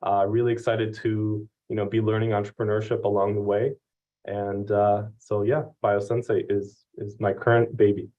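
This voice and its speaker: A man's voice: on the low side, level tone, moderate pace, warm tone. A young man introducing himself on a panel as a PhD student and startup founder, hesitant with many fillers. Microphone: video call. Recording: dull, lo-fi audio.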